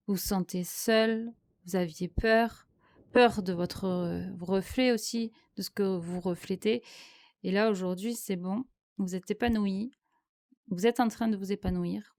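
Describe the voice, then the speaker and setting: A woman's voice: mid-range voice, steady tone, unhurried, a little mellow. A French-speaking woman giving a spiritual tarot reading, hesitant and searching for words with many fillers. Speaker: tarot card reader.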